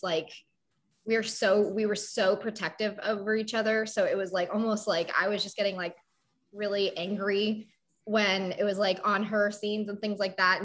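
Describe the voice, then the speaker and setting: A woman's voice: medium pitch, fairly bright tone. Young woman, chatty, full of fillers. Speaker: panel guest, survivor. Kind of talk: casual panel talk.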